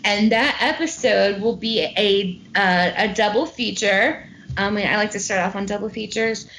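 A woman hosts a casual film discussion podcast in a chatty, relaxed way. She swears freely and laughs easily as she talks. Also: medium pitch, unhurried, a little hiss or hum. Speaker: podcast host.

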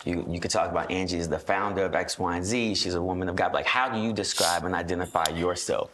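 A man's voice: deep voice, fairly even intonation, quick pace, background noise. A man hosting an interview podcast, talking in an encouraging, affirming way. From United States. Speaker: podcast host. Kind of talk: interview conversation.

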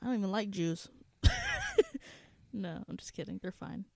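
A woman's voice: mid-range voice, moderate pace, creaky, warm tone, no room sound. A woman co-hosting a casual podcast chat, giggly and full of crude jokes. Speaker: podcast co-host.

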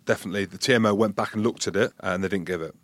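Quick joking man, lowish voice. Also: no room sound. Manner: joking, quizzical, playful asides. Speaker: podcast co-host. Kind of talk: casual rugby chat.

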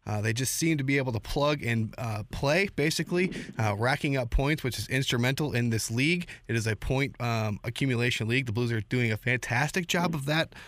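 A man hosts a sports radio talk show in a middle-pitched voice. His delivery is dense and broadcast-like, stacking clause on clause. The sound is dry, with no room around it. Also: fairly bright tone, no room sound. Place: radio studio.

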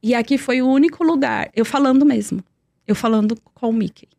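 Woman telling her story, kinda high voice, dry sound, keeps repeating words. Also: fairly quick, gravelly, darkish tone, dry recording. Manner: earnest, repeats words for emphasis. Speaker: guest. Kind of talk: emotional personal storytelling.

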